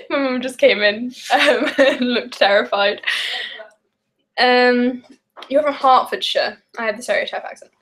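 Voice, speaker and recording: Baking live on stream, this young adult vlogger chats and rambles in her Midlands accent, scattering fillers and giggles throughout. She speaks slowly with long pauses in a high-leaning, fairly bright voice.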